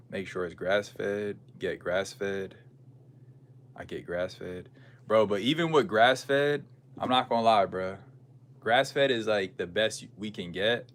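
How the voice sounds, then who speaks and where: A man's voice: on the low side, a bit bright. An American man in a casual livestream chat, musing aloud in slangy, conversational talk as he answers viewers. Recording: clear background noise and ambience.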